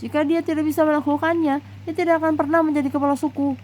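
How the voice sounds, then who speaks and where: A woman's voice: fairly high pitch, moderate pace, warm tone, slight background noise, natural voice. Woman doing a stern chief father, insistent, storybook.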